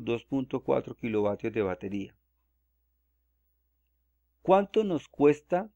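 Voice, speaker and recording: A man explains figures step by step in an even, methodical way, sounding like a tutorial narrated over a screen recording. His voice sits at a middle pitch, and the sound is dull and dry, with little room echo. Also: creaky. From Colombia. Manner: methodical, walks through calculations step by step. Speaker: solar energy explainer.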